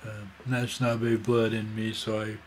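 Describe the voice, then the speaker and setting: A man's voice: on the low side, monotone, normal speed, a little hiss or hum. A man in his sixties telling a rambling, casual story full of fillers and asides. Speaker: vlogger.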